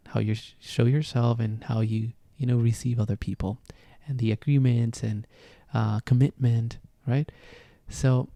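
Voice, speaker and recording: A native Spanish speaker with a Venezuelan accent hosts a casual solo podcast on astrology, talking reflectively and often searching for words. His voice is medium-pitched with a dark tone, and there's no room sound.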